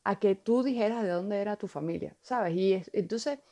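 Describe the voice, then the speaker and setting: Woman, casual podcast chat, halting, repeats words, middle pitch. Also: dark tone. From Venezuela. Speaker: podcast co-host.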